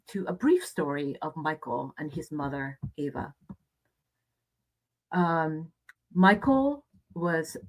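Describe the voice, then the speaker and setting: A middle-aged woman from Japan giving a conference presentation in a reflective, measured way, with hesitant fillers. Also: low voice, rough recording.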